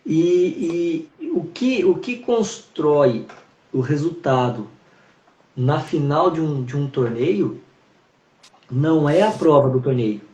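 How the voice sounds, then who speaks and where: High-voiced man, animated storyteller. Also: takes it slowly. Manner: animated, storytelling with acted-out greetings. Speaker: horse trainer and guest. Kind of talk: live-stream conversation. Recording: roomy, dull video-call sound.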